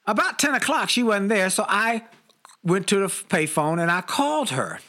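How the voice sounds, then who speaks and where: A man's voice: high-pitched, moderate pace. Oudere man die levendig een verhaal vertelt. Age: older. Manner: animated, laughing, acts out quotes. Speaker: co-host telling a story. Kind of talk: casual storytelling chat.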